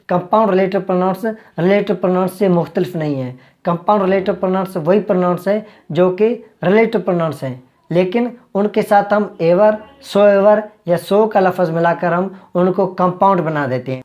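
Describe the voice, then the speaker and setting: Slow, repetitive woman grammar teacher. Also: lowish voice, darkish tone, muffled recording. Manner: slow and repetitive, restating each point several times. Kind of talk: explanatory online grammar lesson.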